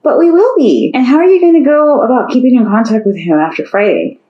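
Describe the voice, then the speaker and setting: A woman's voice: on the high side, lively intonation, quick pace, reverberant, dull audio, pitched above the performer's own voice, natural voice. Casey, a woman voicing an eager teen girl. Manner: eager and pushy. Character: bold, scheming teenage girl.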